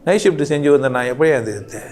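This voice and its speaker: A man speaks in an impassioned monologue. His voice sits fairly high and leaps up and drops low as he stacks one rhetorical question on another. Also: racing, slight background noise. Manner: animated, rhetorical questions, rising and falling sharply.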